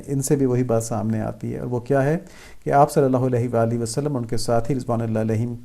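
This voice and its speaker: Man with a super dark mellow voice doing a patient religious lesson, repeats stuff to drive it home. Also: mid-range voice. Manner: patient, explanatory, repeats key phrases for emphasis. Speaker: religious teacher. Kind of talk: religious instruction talk.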